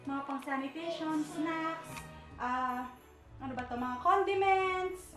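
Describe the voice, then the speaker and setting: Speaking slowly in a high-pitched, slightly bright voice, a young woman vlogger shows off her apartment at night. She rambles, hunts for words, and mixes in English. The mic is far away, so her voice comes off-mic in an echoey room with faint music underneath.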